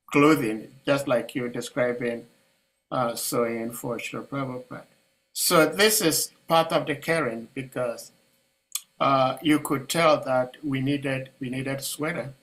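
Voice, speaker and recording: Slow, hesitant man moderating. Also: medium pitch, fairly bright tone, rough recording. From Ghana. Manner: hesitant, many uh fillers, humble and careful. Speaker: moderator of an online class. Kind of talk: online devotional discussion.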